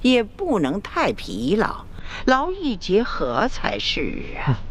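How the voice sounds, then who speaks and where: Slow, sweetly barbed elderly empress dowager. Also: female voice, mid-range voice, huge pitch swings, a little hiss or hum. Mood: sweetly pointed. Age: older. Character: shrewd elderly grand empress dowager, outwardly doting, veiled. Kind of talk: Chinese imperial costume drama acting.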